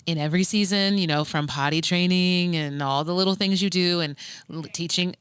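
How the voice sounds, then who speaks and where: A woman's voice: lowish voice, brisk, a bit bright, clean tone, dry recording. A woman co-hosting a faith podcast in casual chat, a parent who talks in rambling, friendly runs and laughs easily.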